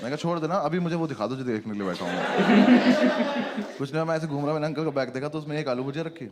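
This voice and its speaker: A young man on a comedy stage tells a long, animated story and laughs through his own lines. His voice sits a little high for a man. Loud noise covers the stage recording. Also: racing. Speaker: stand-up comedian. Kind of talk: stand-up storytelling. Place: comedy stage before a live audience.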